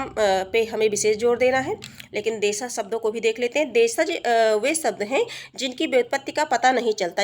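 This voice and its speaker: A woman with a fairly high voice runs an exam-prep grammar lesson. She explains patiently, repeating each point and pausing on fillers. She often poses a question to her students and answers it herself. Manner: asks the class questions and answers them herself. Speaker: teacher.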